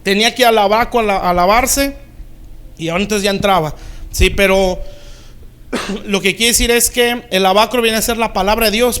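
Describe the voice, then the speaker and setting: A man with a high-pitched voice delivers a sermon as pastor. He preaches in plain, everyday words and keeps pausing to ask the congregation whether they follow. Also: a bit bright.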